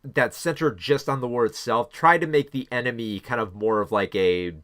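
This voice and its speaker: A man's voice: mid-range voice, normal speed, fairly bright tone. Rambling man reviewing films. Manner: rambling, many fillers and restarts. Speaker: film reviewer. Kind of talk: casual spoken movie review.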